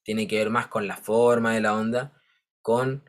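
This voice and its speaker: A man's voice: on the low side, flat delivery, a little slow. Man, teacher, patient step-by-step explaining, frequent check-ins. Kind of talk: online class lecture.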